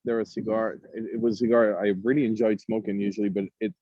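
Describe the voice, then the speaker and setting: A Swiss cigar company founder with a Swiss French accent speaks fast in a lowish, warm voice with a level tone during a casual podcast interview. He's thoughtful, repeating words as he searches for them, and the audio is dull with no room sound.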